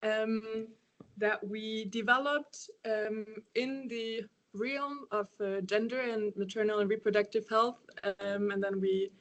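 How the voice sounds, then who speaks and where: Woman in her 20s presenting on a video call, lots of ums and yeahs, middle pitch. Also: steady tone, slow pace, fairly bright tone. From Germany. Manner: hesitant, many ums and yeahs, laughs lightly. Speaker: intern presenting a project.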